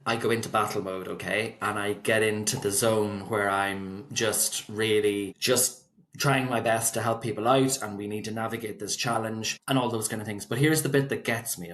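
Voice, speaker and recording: A man's voice: fairly low pitch, steady tone, normal speed, a bit bright. A man with an Irish accent giving conversational interview answers as an expert, explaining point by point. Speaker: solicitor, guest expert.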